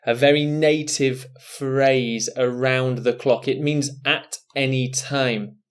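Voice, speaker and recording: Guy teacher, talks real slow and careful, mid pitch, thinks out loud while writing. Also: steady tone, clean tone. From England. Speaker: English test teacher. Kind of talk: recorded online lesson.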